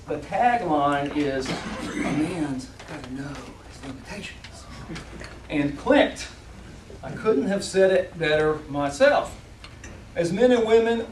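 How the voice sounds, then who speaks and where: A man with a fairly high voice delivers a prepared motivational speech. He phrases things deliberately and emphatically, pausing for effect. The sound is echoey and picked up from some distance, with faint noise behind it. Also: big pitch swings, a little mellow. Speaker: competition public speaker. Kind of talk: rehearsed motivational speech to an audience. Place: indoor room, speaking to a live audience. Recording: roomy, distant mic, faint background noise.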